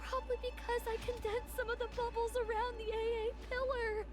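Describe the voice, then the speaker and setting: Game voice: very high-pitched defiant young mermaid girl, earnest, over game music. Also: level tone, brisk. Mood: tense. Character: young female android mermaid, defiant, fading. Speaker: game character voice. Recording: game audio with music behind. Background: background music.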